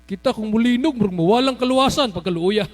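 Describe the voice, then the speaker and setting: A man preaching a sermon as pastor, animated, breaking into shouts and laughter as he tells stories. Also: extremely high pitch, quick pace.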